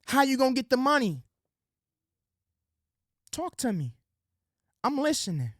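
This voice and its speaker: A man with a very high, sing-song voice delivers a direct-to-camera political monologue at a measured pace, recorded dry and close with no room sound. His tone is preachy and full of street slang, he hails listeners as ladies and gentlemen, and he goes soft and sweet-talking to act out quotes.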